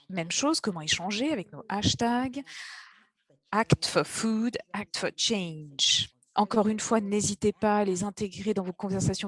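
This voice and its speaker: A woman giving live interpretation of an online event's host and panelists, halting now and then with fillers as she keeps pace. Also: mid-range voice, breathy edge. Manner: halting, with fillers and restarts while keeping up with speakers.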